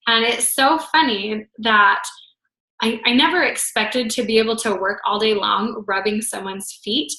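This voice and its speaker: This foot zoning instructor speaks on the high side with a steady, sharp tone at a measured pace. Teaching her group, she stays casual and chatty with plenty of fillers, her voice a bit worn, and the room echoes noticeably.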